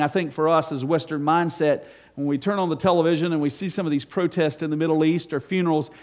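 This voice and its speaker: A male pastor delivering a live sermon in a church sanctuary. His voice sits unusually high for a man, and he moves between quiet conversational asides and loud, fervent exhortation. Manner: animated preaching, swings from hushed asides to loud exhortation.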